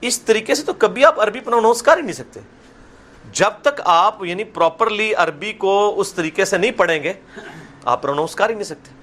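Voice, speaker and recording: A middle-aged man teaching prayer pronunciation, explaining each sound and then reciting slowly so the listeners can repeat after him. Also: high voice, a bit bright. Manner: slips into Punjabi asides. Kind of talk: classroom lesson with slow drawn-out recitation.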